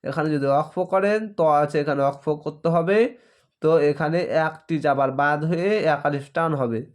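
A man with a Bangladeshi Bengali accent teaching Quran reading, spelling out each letter and vowel mark aloud, then blending the syllables. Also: fairly high pitch. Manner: recites verses in a slow drawn-out chant. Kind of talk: slow spelling-out recitation lesson.

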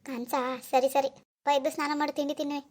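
A woman's voice: high voice, flat delivery, fast, darkish tone, pitched below the performer's own voice, close to an everyday voice. A woman voicing a middle-aged village mother in a cartoon who pleads, sobs and nags her daughter. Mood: nagging. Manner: pleading and sobbing in the dream, bossy when nagging. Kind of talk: cartoon voice acting.

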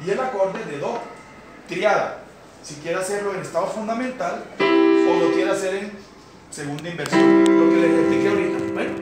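At a community center, a man from Colombia teaches beginners keyboard, patiently explaining and checking in with his students. His voice sits high. A distant camera records the lesson with roomy echo and piano keyboard playing behind him.

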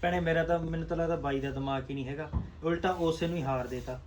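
A man's voice: on the high side, fairly even intonation, fast talker, a little hiss or hum, close to an everyday voice. A man with a Punjabi accent acting a sly younger brother who backs his sister's scheme. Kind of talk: Punjabi short film acting.

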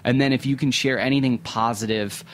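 A man hosting a studio interview on food and restaurants. His voice sits at an ordinary middle pitch, and he talks loosely, thinking aloud with fillers and restarts. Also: steady tone, fairly quick. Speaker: podcast host. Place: radio studio.

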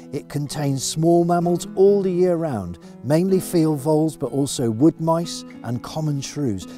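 Mellow-voiced man teaching outdoors. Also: medium pitch. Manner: clear, enthusiastic explaining. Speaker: conservation educator. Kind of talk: instructional nature film. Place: outdoors in grass fields.

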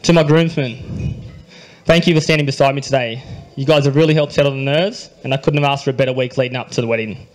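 A young Australian man reading his wedding speech into a handheld microphone at a reception, with dry humor and a quietly emotional delivery. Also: mid-range voice, fairly even intonation, quick pace, poor audio. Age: young adult. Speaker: groom giving a wedding speech. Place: wedding reception hall, indoors.

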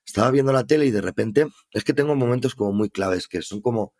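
A man's voice: mid-range voice, fast, a little mellow. A man with a Spain Spanish accent, a podcast guest telling his story in earnest, reflective casual conversation.

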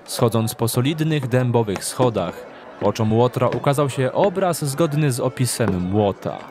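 A man gives expressive, dramatic narration of a scripted story for an audio drama. He speaks at a measured pace in a medium-pitched voice, and music is clearly audible underneath.

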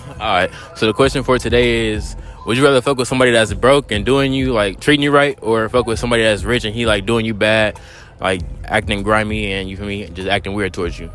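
A man's voice: lowish voice, fairly even intonation, fast, fairly bright tone, soft background music. A young man casually interviewing people in a parking lot at night, asking slangy questions into a handheld mic. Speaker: street interviewer.

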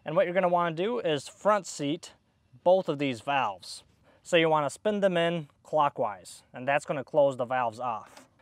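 A man's voice: on the high side, expressive, moderate pace, no room sound. A young man, an HVAC technician, explaining step by step as he works on an outdoor air conditioner. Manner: explains step by step while working. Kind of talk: hands-on tutorial. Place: outdoors by an AC unit.

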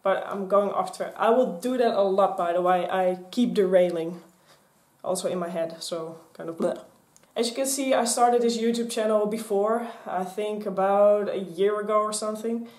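Here a young Dutch vlogger, in her 20s, chats casually to camera in a normal-speed, mid-range voice, rambling and gesturing a lot. The camera is on a stand in front of her, and she sits in a small, echoey indoor craft room with shelves and mannequins.

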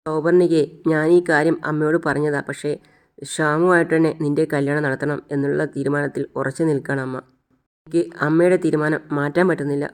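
Read by the narrator, a soft-hearted sister-in-law, soothing and apologetic. She pleads patiently, trying to calm someone who will not listen, in a serial retelling. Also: medium pitch, fairly quick, clear, resonant tone, lightly acted. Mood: pleading.

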